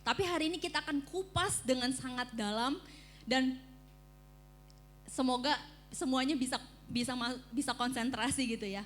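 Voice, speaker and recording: Bright, high-voiced woman preacher. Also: normal speed, pauses often, slight background noise. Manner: animated storytelling, acting out screams. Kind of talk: sermon with personal story. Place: church service.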